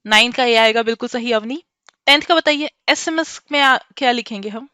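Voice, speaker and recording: A woman's voice: on the high side, normal speed, pushed and bright, clear, resonant tone, dry recording, clean studio sound. A woman teacher with an Indian accent, quizzing students by name as she mixes Hindi and English in a lesson. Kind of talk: online class lesson.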